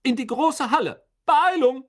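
A man's voice: extremely high pitch, huge pitch swings, moderate pace, pitched above the performer's own voice, exaggerated voice. Man playing a stern, barking old headmistress. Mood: furious commanding. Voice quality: sharp barking commands. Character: stern older female deputy headmistress, fierce.

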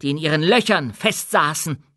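A commanding dwarf queen booms out a rousing speech to her people in an audiobook, as a male narrator puts her on. The voice sits high and bright, and the room is close and dry. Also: moderate pace, dry recording. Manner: loud, proud, rousing oratory. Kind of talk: audiobook character voice.

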